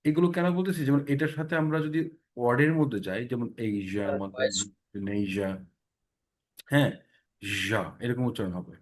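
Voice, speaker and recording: A man's voice: medium pitch, fairly quick, pauses often, a little mellow. Patient man teaching pronunciation. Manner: explains patiently, repeating sounds many times and checking in with "ঠিক আছে?". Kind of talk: online class lesson.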